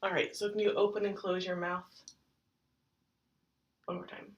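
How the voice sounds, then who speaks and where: Soft-spoken young woman, distant mic. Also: fairly low pitch, little pitch movement, normal speed, dull audio. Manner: gentle, reassuring, with frequent um fillers. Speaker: student clinician examiner. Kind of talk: clinical practice exam instructions. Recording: distant mic with faint hiss.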